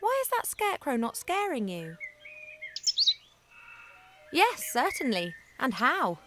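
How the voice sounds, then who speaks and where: An actress playing a plucky, chatty young elf adventurer in a video game, with a spirited delivery. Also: female voice, high-pitched, wildly swooping pitch, slow, very noisy, heavily acted. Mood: curious, musing. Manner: spirited, talking to herself and her bird. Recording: music under the voice.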